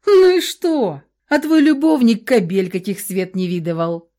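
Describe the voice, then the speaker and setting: A woman reads a cruel, scheming grown man in an audiobook. He snarls abuse and sneers coldly, in a mid-pitched voice. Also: very animated, measured pace. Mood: menacing. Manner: shouting insults, then sneering and cold. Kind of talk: audiobook character reading.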